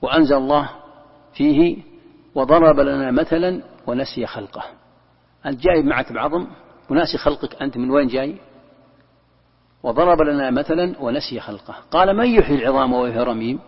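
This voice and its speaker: A man's voice: mid-range voice, brisk, pauses often. A man, a sheikh giving a Quran commentary lesson, who explains step by step, repeating key words and demonstrating how a verse is recited. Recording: dull lo-fi recording in a long-echoing hall.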